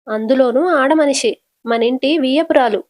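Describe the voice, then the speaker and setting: A woman voicing a gentle, dutiful young wife who soothes and pleads in a retold serial. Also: sits high, moderate pace, lightly acted. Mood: pleading.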